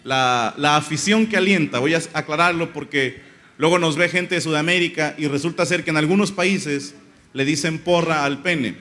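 A young man rambles through a stand-up monologue, crude and full of slang. His voice sits fairly high and sounds bright and forceful. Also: normal speed. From Monterrey, Mexico. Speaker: comedian.

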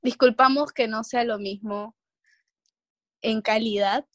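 Playful woman guest on a podcast, highish voice, super dry recording. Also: steady tone, slow pace, no echo. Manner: giggly, playful. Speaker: podcast guest, host's cousin. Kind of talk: casual podcast chat.

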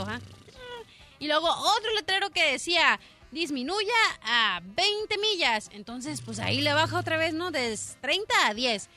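Bright lively lady cohost, jokes and teasing, music in back. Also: sits high. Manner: teasing, laughs often. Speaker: radio co-host. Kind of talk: joking radio banter.

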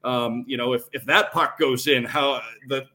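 Speaking at normal speed in a mid-range voice that is steady and sharp, a radio play-by-play announcer joins a podcast as a guest. He breaks down games, stacking up his points one step at a time and repeating them for emphasis.

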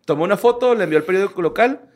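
Higher-pitched Mexican man, slangy podcast storyteller. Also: expressive, racing. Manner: informal, slangy, profane. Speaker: podcast host. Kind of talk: casual chat, reading out odd stories.

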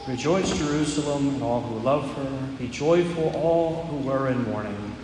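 A priest reading the Gospel and preaching at Mass in a measured, reflective way, his voice carried by a long cathedral echo in a large church. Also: medium pitch, expressive, noisy background.

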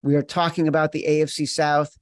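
This podcast host, a man with a fairly high voice, runs a sports betting show and teases with emphatic, mock-exasperated flair. His pitch barely moves and he talks fairly quickly, recorded close and dry with no room sound.

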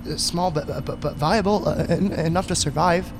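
A man's voice: on the high side, moderate pace, background noise, lightly acted. A man playing an anxious, hesitant intellectual with a nervous stammer in an audio drama.

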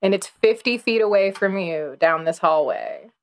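A woman's voice: medium pitch, animated, normal speed. A woman running a tabletop game as game master, playful and teasing, laughing often.

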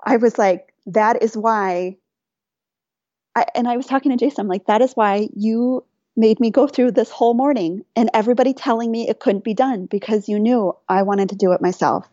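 A woman guest on a podcast telling a personal story in casual chat, animated, laughing often and quoting herself and others. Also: a little high, brisk, dry recording, highs cut off.

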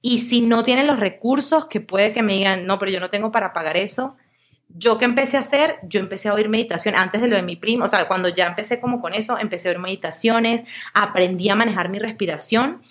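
Lively Venezuelan-born woman storyteller. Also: mid-range voice, brisk. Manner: lively storytelling, acts out quoted voices. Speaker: podcast guest, actress. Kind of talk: casual interview chat.

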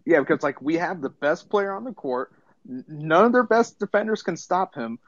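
Male co-host, higher voice, hyped and emphatic, dry muffled audio. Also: animated, normal speed. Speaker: podcast co-host. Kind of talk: casual sports talk.

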